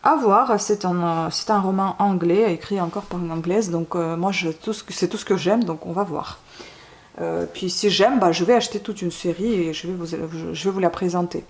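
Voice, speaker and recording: A woman's voice: fairly low pitch, moderate pace. A woman vlogger showing her newly bought books in a casual, hesitant way, with many fillers and restarts. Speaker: book vlogger. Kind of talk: casual book haul talk.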